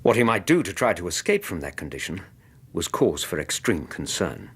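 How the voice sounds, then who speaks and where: An English actor playing a loyal, caring doctor in a radio drama, measured and gentle in narration and dialogue. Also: male voice, low voice, very animated, slightly rough, full character voice. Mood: grave, reflective.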